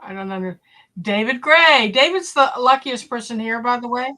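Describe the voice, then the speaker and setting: A woman's voice: on the high side, animated, normal speed, bright, forceful tone. A woman from New England hosting a casual live stream, chatting with viewers and reading recipe lists aloud from an old cookbook. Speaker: homestead channel host.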